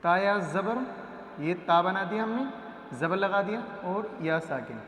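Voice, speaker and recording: A man teaching a reading lesson at a board, patient, sounding out letters slowly and often checking understanding. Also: sits high, fairly bright tone, a little hiss or hum. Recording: echoey room with long reverb.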